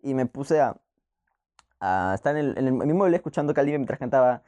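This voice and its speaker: Young male podcast host, casual laughing monologue, animated and warm. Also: medium pitch, quick pace. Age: young adult. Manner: rambling, laughs often, many restarts.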